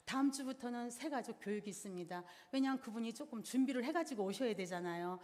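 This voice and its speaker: A woman's voice: a little high, expressive, fast talker, a little mellow. A middle-aged woman giving a church seminar, explaining each step plainly and in order. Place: church hall. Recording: reverberant hall sound.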